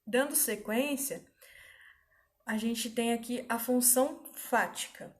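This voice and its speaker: A woman's voice: fairly high pitch, slow. A woman teaching an online grammar lesson, explaining patiently and often checking that students follow.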